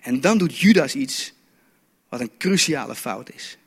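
A man's voice: mid-range voice, expressive, a little slow, breathy edge. A man preaching a sermon as a story, often stumbling and repeating words as he goes. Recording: long reverb of a hall.

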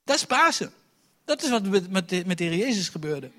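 A man delivers a lively Easter sermon in a high, bright, ringing voice. He swings between loud exclamations and hushed, intimate asides, and slips into character voices when quoting others. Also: fairly quick. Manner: acts out quoted dialogue in character voices. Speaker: preacher.

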